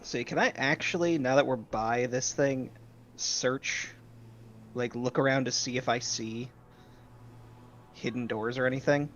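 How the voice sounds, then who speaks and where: A man's voice: mid-range voice, unhurried, pauses often, a bit bright. A man talking casually as a tabletop game player, thinking aloud and planning his moves carefully. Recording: dull lo-fi mic with faint hiss.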